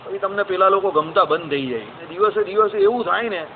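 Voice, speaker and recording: A man's voice: high voice, lively intonation, fairly quick. A man giving a conversational devotional sermon, often asking his listeners "right?". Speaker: religious discourse speaker. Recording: tinny phone-like audio, noisy.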